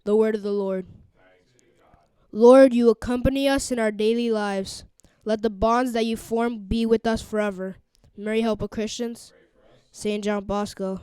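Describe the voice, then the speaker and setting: A woman speaking into a microphone, leading a morning prayer in a measured, formal way. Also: on the high side, steady tone, warm tone, smooth, no echo. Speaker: school announcer leading prayer.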